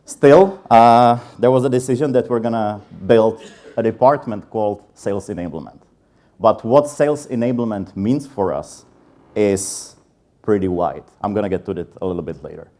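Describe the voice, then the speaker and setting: This conference speaker, a man in his thirties from the Czech Republic with a Czech accent, talks candidly and self-deprecatingly on stage, often using filler sounds. He has a lowish, mellow voice and speaks at normal speed.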